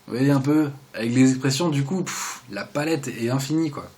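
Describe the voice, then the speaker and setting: A young man talks through a relaxed video lesson in a chatty, joking way. His voice sits at an ordinary middle pitch, and he often trails off into quiet asides between explanations. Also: moderate pace, slight background noise. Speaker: video host teaching sign basics.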